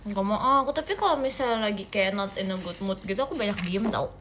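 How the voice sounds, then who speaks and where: A woman's voice: mid-range voice, animated, fast, a bit bright, a little hiss or hum. A young woman from Indonesia hosting a casual phone livestream, chatting playfully with viewers and teasing them. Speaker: idol livestream host. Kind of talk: casual livestream chat answering viewer comments.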